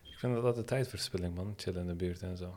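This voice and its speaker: A deep-voiced man acts as interviewer in a relaxed conversational style. He talks informally, using Dutch street slang. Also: quick pace, slight background noise. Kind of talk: casual chat.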